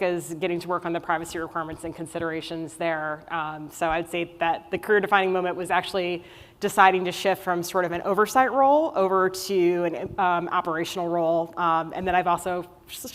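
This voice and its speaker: A woman speaking on a conference panel in a conversational way with many fillers. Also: lowish voice. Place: conference luncheon hall. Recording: reverberant hall.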